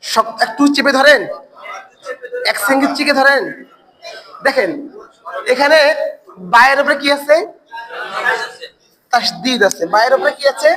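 A man's voice: very high voice, measured pace, pauses often, a crowd in the background, poor audio. A man teaching an online Quran recitation class. He asks the learners questions, answers them himself and repeats words over and over to drill the pronunciation.

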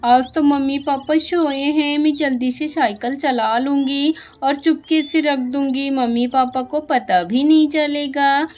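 A woman's voice: high-pitched, measured pace, few pauses. A woman voicing an eager little girl who chatters to herself in a doll story. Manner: chatty, excited, talking to herself.

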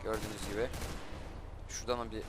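A young man hosting a gaming channel, giving casual gameplay commentary and quickly flaring up in frustration. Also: on the low side, flat delivery, music in the background. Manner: frustrated, quick to flare up and shout at the game.

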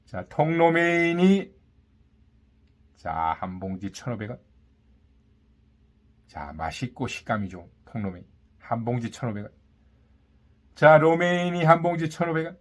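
A man's voice: sing-song, unhurried, long pauses. A man working as a market vendor, calling out prices and specials in short, repetitive, boastful sales patter. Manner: hawking pitch, repetitive, punchy short phrases with boastful catchphrases. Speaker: market vendor announcing produce and meat prices.

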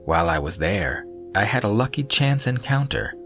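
Guy doing a cold sneering young hero, low and calm, storybook fight. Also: unhurried, music in the background. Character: cold, disdainful young male martial hero.

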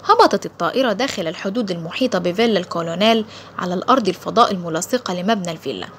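Fast-reading woman narrating a thriller. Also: on the low side, a bit bright, a little hiss or hum. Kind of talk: audiobook narration.

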